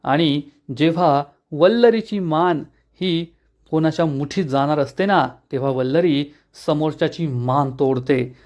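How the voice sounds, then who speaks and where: A man reviewing and retelling a TV serial episode in brisk storytelling. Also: a little high, a little mellow.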